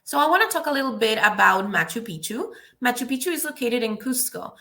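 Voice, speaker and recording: A young woman from Peru, a student presenting in a live webinar in earnest, halting English with many fillers. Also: on the high side, animated, bright, forceful tone. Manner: earnest, with frequent fillers and restarts.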